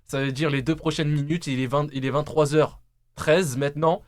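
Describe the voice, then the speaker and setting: Young guy hosting a live stream, teasing, high voice. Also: fairly even intonation, normal speed, a little mellow, no echo, studio quality. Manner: laughs a lot, teasing. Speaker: host.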